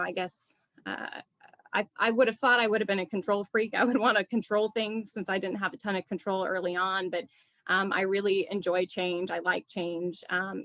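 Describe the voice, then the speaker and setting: A woman's voice: medium pitch, gravelly, a bit bright, no room sound. Young woman, earnest personal storyteller, dry video-call sound. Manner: sincere, reflective, hesitant with fillers. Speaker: storyteller at a community event. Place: home room indoors.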